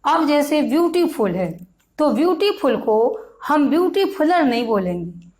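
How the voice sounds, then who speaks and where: A woman with a Hindi accent leads a grammar lesson at an unhurried pace. Her voice sits fairly high, and she repeats each example word and stretches it out for her students. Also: big pitch swings, darkish tone, rough recording. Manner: slow, repetitive, stretches out example words. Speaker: grammar teacher.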